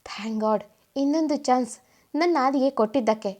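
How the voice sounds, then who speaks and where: A woman's voice: high voice, moderate pace, darkish tone, lightly acted. A woman voicing a grieving young wife who turns determined and angry. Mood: tearful. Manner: tearful, then angry and firm.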